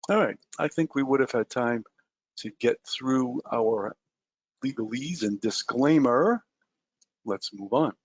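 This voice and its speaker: A man's voice: medium pitch, animated, takes it slowly, husky, no echo, dull audio. A man presenting a live trading webinar, talking to his listeners in a loose conversational way with frequent "uh" and "um" fillers. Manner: conversational, many "uh" and "um" fillers, addresses listeners directly.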